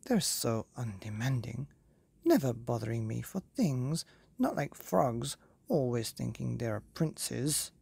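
A woman's voice: very deep voice, lively intonation, takes it slowly, gravelly, warm tone, slightly rough, no echo, exaggerated voice. A woman voicing a vain, easily flustered fairy godmother in a storybook, prim and chattering. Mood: chatty. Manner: prim, chattering, self-absorbed.

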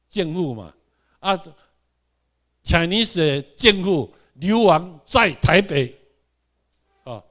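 A man's voice: high-pitched, a bit bright. Taiwanese man lecturing a class. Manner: rhetorical questions and checks on the audience; has the class repeat words aloud.

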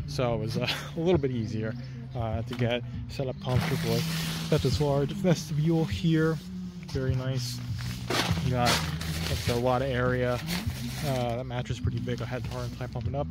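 A man in a casual vlog, easygoing and loose, wandering from point to point and chuckling now and then. His voice sits at an ordinary middle pitch. A steady wash of background noise runs under everything he says. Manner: easygoing and rambling, laughs between thoughts. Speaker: vlogger.

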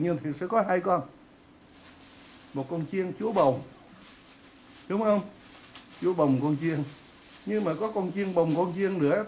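A man preaches in a fairly high voice, telling vivid, homely stories. He keeps turning to the congregation with questions. A faint hum of room ambience sits behind him. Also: a little mellow, poor audio. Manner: folksy, vivid storytelling with frequent questions to the congregation. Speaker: pastor. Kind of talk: sermon.

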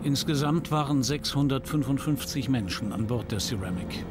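A man's voice: mid-range voice, expressive. Grave male documentary narrator over music. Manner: grave, measured, short dramatic sentences. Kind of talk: scripted history documentary narration. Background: background music.

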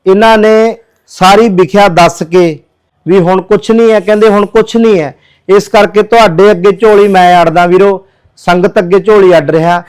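A man's voice: high-pitched, steady tone, normal speed, darkish tone, clear, resonant tone, poor audio. A man who works as a social worker, pleading earnestly with viewers in a charity appeal video.

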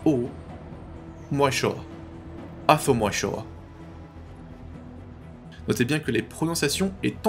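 A man narrating a language tutorial, patiently explaining and slowly repeating pronunciations. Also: mid-range voice, a bit bright. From French-speaking.

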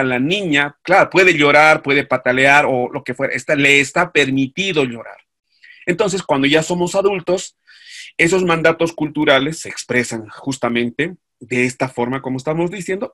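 A man's voice: medium pitch, pushed and bright. A man teaching an online class, explaining at length and putting questions to his students.

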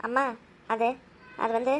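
Woman doing a high little cartoon girl, stammery and coaxing. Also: flat delivery, measured pace, fairly bright tone. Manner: hesitant, stammering when caught. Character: young girl, curious and scheming.

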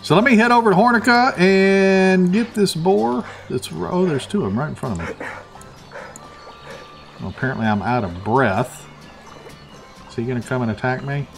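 Man, casual let's play host, chatty, lively pitch, faint game music behind. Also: moderate pace, creaky, long pauses. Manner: chatty, thinks aloud with many fillers. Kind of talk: casual gameplay commentary.

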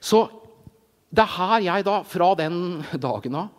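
Animated man preaching in a hall. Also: high-pitched. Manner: animated storytelling, acts out voices, frequent "ikke sant". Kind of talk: informal sermon testimony. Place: large church hall. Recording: reverberant church hall.

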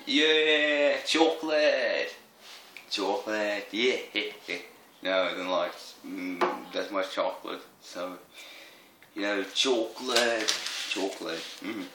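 A man's voice: low-pitched, fairly even intonation, background noise. A man rambling casually in a vlog with lots of fillers and restarts, his voice tired and strained. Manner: halting, full of fillers and repeats. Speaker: vlogger. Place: indoor room. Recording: echoey room.

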